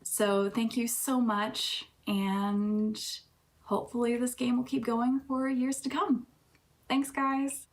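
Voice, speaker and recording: A woman voice actress speaks casually and with enthusiasm in a recorded message to fans. Her voice sits a little back from the microphone. She talks in a relaxed way, with the odd filler. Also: on the high side, slow, distant mic.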